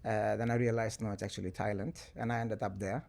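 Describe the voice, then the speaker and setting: A man's voice: lowish voice, fast, vocal fry. A man from Germany, a podcast guest telling stories in a casual interview, often tagging his sentences with "right?". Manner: relaxed storytelling, peppered with "right?" and "you know". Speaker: podcast guest, sports entrepreneur.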